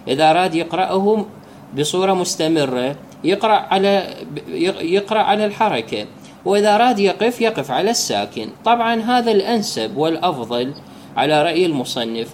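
A man's voice: high voice, big pitch swings, slight background noise. Iraqi man teaching religious law. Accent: Iraqi Arabic. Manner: explanatory, slows to recite formulas. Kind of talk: jurisprudence lesson.

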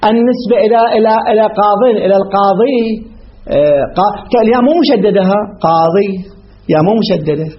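A man with a high voice and a light colouring works through a grammar lesson, circling back over each rule. He asks questions and answers them himself, often correcting himself mid-word. The recording is dull and lo-fi with a faint hiss behind it. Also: animated, fast. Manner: repeats and restates terms, asks rhetorical questions then answers; self-corrects mid-sentence. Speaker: grammar teacher. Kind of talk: classroom lesson explaining grammar rules.

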